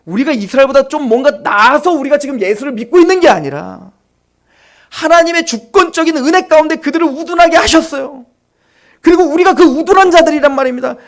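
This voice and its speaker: Male pastor, very high voice, impassioned sermon full of rhetorical questions. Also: lively intonation, fast talker. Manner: impassioned preaching, rhetorical questions, sudden drops to quiet asides.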